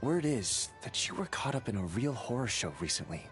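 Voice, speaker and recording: Guy doing earnest worried comrade in a video game, super expressive pitch all over, halting, bit of music under. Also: close to an everyday voice. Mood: exasperated, caring. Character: earnest, emotional master who frets over his comrade.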